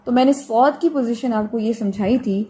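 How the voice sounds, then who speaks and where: A woman teaching the pronunciation of Quranic letters in an online class, explaining patiently with everyday examples and drawing out sounds slowly for students to copy. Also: on the high side, mellow, a little hiss or hum. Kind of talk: online tajweed lesson.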